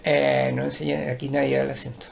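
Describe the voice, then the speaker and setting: A man's voice: medium pitch, completely flat delivery, brisk, gravelly. An older man with a Chilean accent, a teacher and performer, talking in a digressive, lecturing way with many restarts. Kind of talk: rambling conversational interview.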